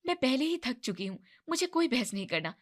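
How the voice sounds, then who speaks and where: A woman's voice: high-pitched, very animated, brisk. A woman voicing a tired, put-upon young wife who sounds weary and resentful, in a storybook narration.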